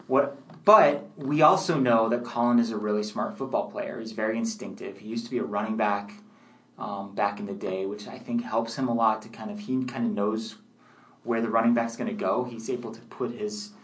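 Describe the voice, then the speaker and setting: A man co-hosting a casual sports talk show, measured and analytical, leaning on "you know" fillers. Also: on the low side, fairly even intonation. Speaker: sports podcast co-host.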